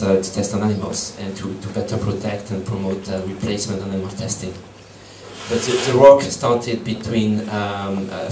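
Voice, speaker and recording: A lowish, slightly mellow male voice belongs to a French-accented man in his thirties who speaks French and Portuguese natively. He addresses a meeting-room audience haltingly, with frequent ums and restarts. Recorded from far off by a room camera, the echoey room has a little hiss or hum.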